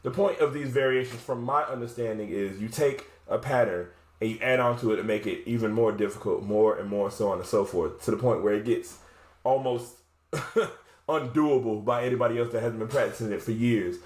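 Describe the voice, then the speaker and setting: A man's voice: mid-range voice, fairly quick. A man casually explaining drum rudiments step by step, correcting himself as he goes while demonstrating on a drum. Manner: casual, self-correcting, thinking aloud. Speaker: drumline instructor. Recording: echoey room with drumming. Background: drum playing.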